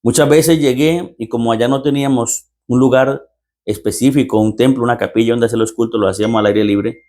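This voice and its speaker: A man's voice: medium pitch, steady tone, a little fast, dark tone. A man preaching as a pastor, telling a story with repeated rhetorical lines and acting out the dialogue. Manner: repetitive rhetorical phrasing, acts out dialogue. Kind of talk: storytelling sermon.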